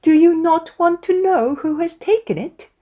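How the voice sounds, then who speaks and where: A woman voicing a fussy, nagging middle-aged gentlewoman in a dramatised novel, exclamatory and insistent. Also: very high voice, animated, moderate pace, pitched above the performer's own voice. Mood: eager, impatient.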